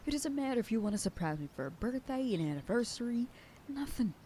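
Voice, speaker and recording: Speaking fast with big swings in pitch, a woman with a warm, fairly high voice acts out a protective werewolf sheriff girlfriend for ASMR. She scolds and bosses, then shifts to tender whispering, and there's a little hiss or hum behind her.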